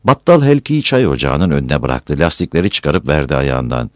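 A man with a deep, low voice narrates a village story, his pitch rising and falling in a lively way. The recording is dry and close, with no room sound. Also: normal speed, no echo.

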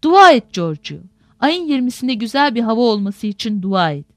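A woman voicing a weary, resigned older male sea merchant uncle in a storybook reading, speaking gravely. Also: on the high side, very animated, moderate pace, no echo.

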